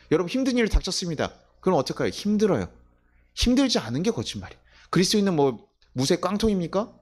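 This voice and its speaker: Lively, animated male pastor preaching. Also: a little high, husky. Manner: conversational, full of rhetorical questions; lively, chuckles at his own stories. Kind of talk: sermon. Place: church.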